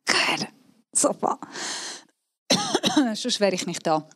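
A woman preaching a sermon and reading scripture aloud, speaking earnestly with restarts and clumsy grammar, coughing and clearing her throat at times. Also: mid-range voice, sing-song, drawn-out words, a bit bright, no room sound.

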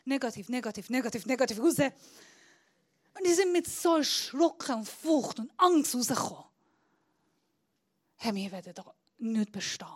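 Predigerin, die schreit und flüstert. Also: female voice, high voice, big pitch swings, takes it slowly, long pauses, breathy edge. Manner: swings between loud shouting and hushed whispers. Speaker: preacher. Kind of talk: sermon.

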